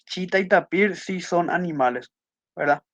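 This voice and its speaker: Going over a test with his class, a man with a high-pitched, somewhat bright voice speaks at a moderate pace, patiently repeating key points and checking comprehension with small questions. No room sound comes through, and the audio is muffled, dry, and lo-fi.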